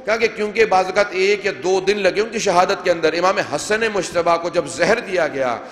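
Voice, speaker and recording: High-voiced preacher in echoing hall. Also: male voice, fairly bright tone. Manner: declamatory, retells narrations with quoted dialogue. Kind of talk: majlis sermon recitation. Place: large hall with long reverb. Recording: echoey reverberant hall.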